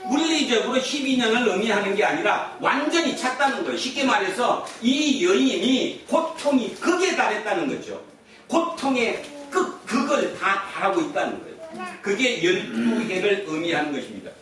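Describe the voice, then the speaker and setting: A male pastor with a high, fairly bright voice preaches very animatedly at a moderate pace in a church sanctuary. He questions the congregation and repeats their replies, and the audio comes from far off in an echoey hall.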